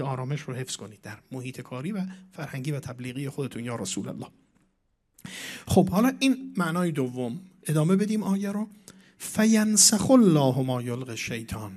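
A man giving a religious lecture as a preacher, reciting Arabic verses and Persian verse, with dramatic swings between soft and loud. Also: mid-range voice, lively intonation.

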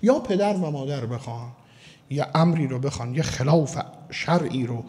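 A man from Mashhad delivering a sermon as a cleric, emphatic and slowing down to stress key words. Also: mid-range voice, expressive, darkish tone. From Mashhad, Iran. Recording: long hall reverb.

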